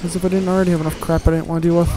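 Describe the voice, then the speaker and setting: A man's voice: on the high side, flat delivery, very fast, loud music behind the voice, poor audio. A man giving casual, grumbling let's-play commentary while he plays, with sarcastic asides and casual swearing.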